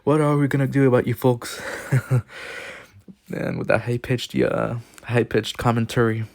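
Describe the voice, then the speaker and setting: A man's voice: medium pitch, steady tone, unhurried, creaky, darkish tone, slight background noise. Laid-back man chuckling through reactions. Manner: chuckles often, loose and joking. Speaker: host of a railfan video reaction channel. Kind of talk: casual reaction commentary.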